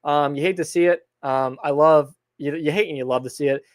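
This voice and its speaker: A young man from hosting a sports podcast, recapping a hockey game in a rambling, excitable way with lots of fillers. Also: fairly high pitch, fairly quick, no room sound, clean studio sound. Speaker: podcast host. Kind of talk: casual sports recap monologue.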